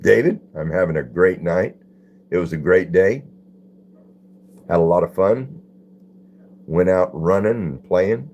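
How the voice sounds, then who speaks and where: A man's voice: sits low, animated, measured pace, pauses often, darkish tone, lo-fi sound, a little hiss or hum. An older man hosting a live stream, chatting in a folksy way and greeting viewers by name as he reads their comments. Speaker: livestream host. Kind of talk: casual live-stream chat reading comments.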